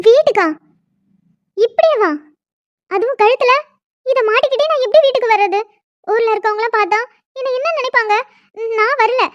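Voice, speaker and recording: A woman voicing a furious young woman in a cartoon who scolds and complains with shrill indignation. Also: moderate pace, long pauses, no room sound, lo-fi sound. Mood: indignant. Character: young woman, furious, newly forced into marriage. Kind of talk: cartoon dialogue.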